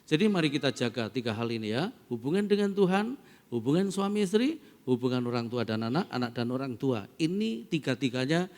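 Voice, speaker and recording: A middle-aged pastor from East Java, preaching a sermon that moves between storytelling and loud, emphatic preaching. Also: male voice, mid-range voice, very animated, fairly quick. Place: large church hall. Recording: long church-hall reverb.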